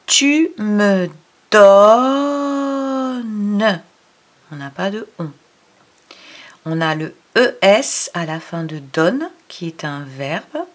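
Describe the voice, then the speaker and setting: Slow, patient woman teaching reading. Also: on the low side. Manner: stretches and sounds out syllables, explains patiently; addresses the child directly. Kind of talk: slow reading lesson for a child.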